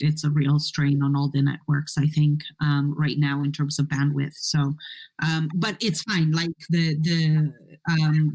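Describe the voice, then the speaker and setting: A woman's voice: deep voice, darkish tone, low-quality recording. A woman casually hosting an online conference livestream, speaking off the cuff and rephrasing as she goes. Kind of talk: casual, unscripted moderating. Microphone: internet call.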